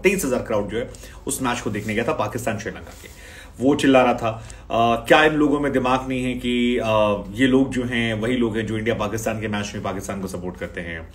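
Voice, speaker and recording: A man hosting a cricket channel who talks straight to his viewers in a conversational news-commentary style, reading out and summing up posts. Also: medium pitch.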